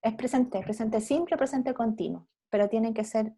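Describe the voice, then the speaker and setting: Teacher woman with a dark mellow voice. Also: a little high, moderate pace, slightly rough. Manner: explanatory, corrective, switches to English for examples. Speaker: English teacher. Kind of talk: online class feedback.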